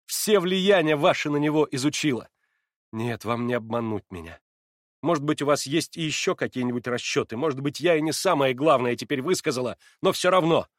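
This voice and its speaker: A man's voice: mid-range voice, expressive, a little fast, no echo, clean studio sound, natural voice. A man voicing a proud, wounded young woman who speaks in impassioned reproach, in an audiobook reading. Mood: bitter accusing.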